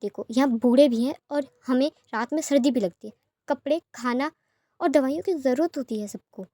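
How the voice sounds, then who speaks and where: A woman voicing a practical young woman who looks after others and scolds briskly, in a storybook reading. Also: high voice, dark tone, no room sound, lightly acted. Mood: scolding.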